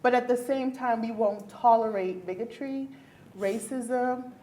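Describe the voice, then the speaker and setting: In a luncheon event hall, a neurologist from the Bahamas gives a panel discussion answer, earnest and emphatic with frequent laughter. Her voice is on the high side and mellow, with fairly even intonation and a measured pace, over slight background noise.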